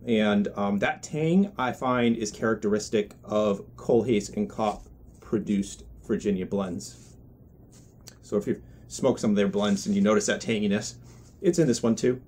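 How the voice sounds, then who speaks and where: A man giving a casual product review as a pipe tobacco reviewer, talking in a halting, deliberate, thoughtful way. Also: fairly low pitch, a little mellow, slight background noise.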